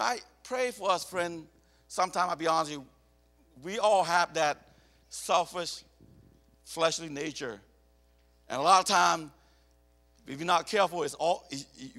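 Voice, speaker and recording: A man born in Cambodia and raised in America, preaching as a missionary, animated and prone to repeating himself as he tells personal stories. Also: on the high side, moderate pace, pauses often. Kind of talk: sermon. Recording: echoey hall reverb.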